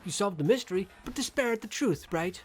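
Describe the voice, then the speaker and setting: Young female game villain, acted by a woman: coldly satisfied, taunting, theatrical, wide pitch swings. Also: animated, a little fast, soft background music, lightly acted. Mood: mocking, gloating. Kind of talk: acted video game dialogue.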